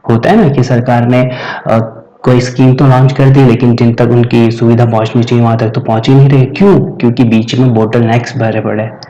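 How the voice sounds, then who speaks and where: Mellow-voiced man teaching vocabulary. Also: medium pitch, level tone, brisk, highs cut off. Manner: explains patiently, repeats questions and answers for students. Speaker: English teacher. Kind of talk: vocabulary lesson.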